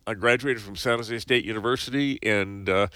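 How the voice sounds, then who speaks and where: A man's voice: fairly low pitch, moderate pace, bright, forceful tone, no echo. A man from California chatting casually as a contributor on a radio show, in a studio.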